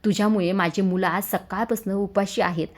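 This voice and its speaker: A woman voicing a protective, quick-tempered middle-aged aunt in a retold TV serial, speaking in a scolding way. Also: mid-range voice, fairly even intonation, close to an everyday voice. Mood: angry.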